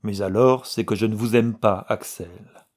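A man reading the part of a grieving, tearful young woman, in a husky, slow, pleading way. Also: on the low side, steady tone, darkish tone. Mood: sorrowful. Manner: pleading, sorrowful, slow delivery.

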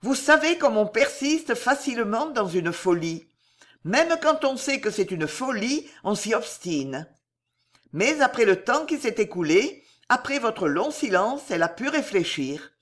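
A middle-aged countess, poised and ironic, speaks with sweeping, lively melody, as a woman reader puts her on. She talks in a storybook register, sure of herself and gently scornful. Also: mid-range voice. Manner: mocking, smiling, poised. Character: ironic, self-assured aristocratic countess, middle-aged mother. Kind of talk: audiobook character reading.

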